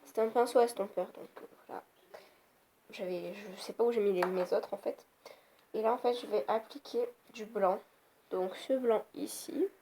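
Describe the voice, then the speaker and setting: At home, a beauty vlogger in her youth runs through a loose, casual makeup tutorial, easily annoyed along the way. She has a mellow, medium-pitched voice at normal speed, and cars can be faintly heard passing outside.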